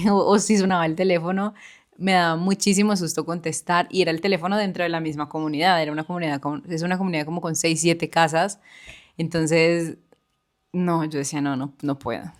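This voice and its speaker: A woman's voice: fairly low pitch, fairly even intonation, a little fast. A woman co-hosting a podcast, earnestly telling her own experience and speaking directly to the listener. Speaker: podcast co-host. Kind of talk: personal storytelling chat.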